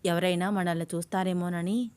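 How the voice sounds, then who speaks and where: A woman voicing a bold, teasing young man in love, in an audio story, in her own even voice. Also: fairly low pitch, a little fast, smooth, no room sound, natural voice. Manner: coaxing, teasing.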